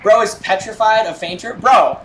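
A man's voice: sits high, moderate pace, fairly bright tone, soft background music, poor audio. A young man commentating casually on a live game stream in slangy, bro-heavy frat-boy talk. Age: young adult. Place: indoor room, streaming setup. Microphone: headset mic. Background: shooter game sounds.

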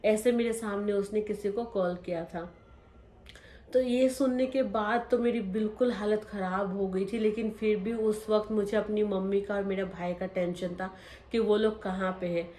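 A young woman with a mid-range, warm voice tells viewers her own life story at a moderate pace, her tone steady. She speaks emotionally and straight to the audience, re-enacting scenes as she goes. The recording has a roomy echo and a little hiss or hum.

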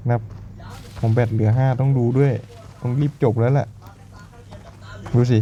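A man's voice: medium pitch, lo-fi sound, slight background noise. Laid-back Thai man narrating gameplay. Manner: relaxed, chatty, laughs often, explains as he plays. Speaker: gaming YouTuber. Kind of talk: casual gameplay commentary.

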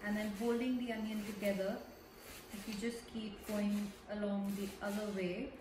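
A chef in her thirties patiently walks someone through a cooking demonstration step by step in a large home kitchen. Her medium-pitched voice moves little in pitch at a normal speed, picked up by a distant mic in an echoey kitchen with background noise.

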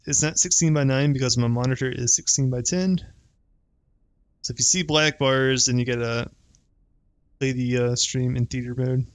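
A man's voice: mid-range voice, steady tone, normal speed, pauses often, dry recording. Stuffy-nosed male game streamer. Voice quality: nasal. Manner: joking, profane, laughs often. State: stuffed-up nose from allergies. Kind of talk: casual livestream gameplay chat.

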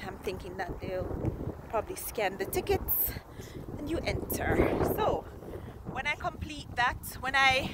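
A woman in her forties, chatty and repeating herself as she vlogs a zoo visit, filmed on a phone at arm's length on a windy day. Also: on the high side. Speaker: vlogger. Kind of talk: casual vlog. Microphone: phone held at arm's length. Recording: wind noise on a phone mic.

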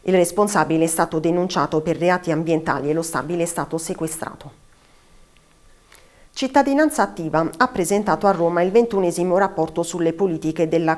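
A woman anchors a news bulletin, reading the items briskly. Her voice sits a little low for a woman. Now and then she makes a small slip and carries on. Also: darkish tone.

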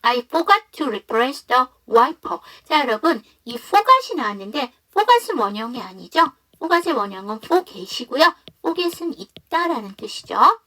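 A woman teaching an online English lesson who explains patiently and reads example sentences slowly. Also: sits high, very animated, sharp tone.

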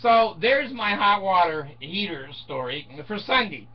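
A man's voice: sits high, a little slow. An older man telling a story in a casual, sarcastic rant at home, laughing often as he talks. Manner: laughs often, animated and sarcastic, mimics others. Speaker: vlogger. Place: small room at home, indoors. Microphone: webcam in front of him. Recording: dull distant webcam sound with faint hiss.

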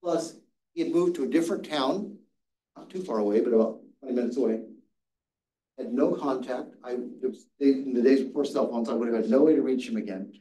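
An older man teaches a Sabbath school Bible study, telling a story earnestly and often restarting his words, his brisk, warm, mid-range voice heard from across a church classroom of seated listeners. The recording is distant and echoey.

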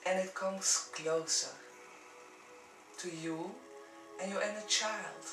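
A person guiding a meditation in slow, gentle phrases with soft affirmations. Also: mid-range voice, steady tone. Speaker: meditation guide. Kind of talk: guided meditation. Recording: roomy distant mic with music behind. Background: music.

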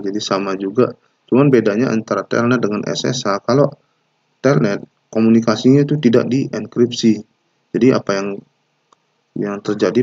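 A man gives a recorded university lecture, his voice low and gravelly with a husky edge. He talks in an unhurried, explanatory way, pausing and hesitating as he goes. The recording is dry and somewhat muffled. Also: darkish tone, no echo.

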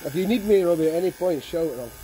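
A woman's voice: fairly low pitch, animated, rapid-fire, dark tone. A Scottish woman chatting casually in a sheep pen outdoors, joking and swearing freely while someone shears. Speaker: farm helper chatting during shearing. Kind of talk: casual banter. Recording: outdoor noise and clipper buzz.

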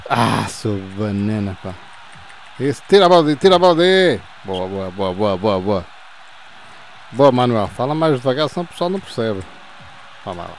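A man in his fifties with a European Portuguese accent, doing playful football commentary over his own gameplay, yelling goal calls and cheering players on between calm score recaps. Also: fairly low pitch, moderate pace, long pauses. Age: 50s. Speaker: gaming channel host.

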